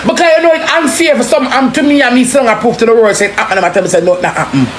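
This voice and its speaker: A Jamaican woman launches into a forceful, impassioned rant in casual street talk, her voice a little high and fast. She curses heavily and repeats phrases for emphasis. The recording has a roomy echo and clearly noisy background.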